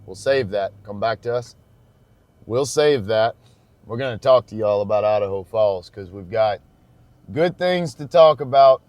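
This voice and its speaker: A man's voice: lowish voice, measured pace, darkish tone, dry recording. Chatty man vlogging from his truck. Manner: chatty, addresses viewers as y'all. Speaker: travel vlogger driving. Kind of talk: casual road-trip vlog talk. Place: inside a moving truck.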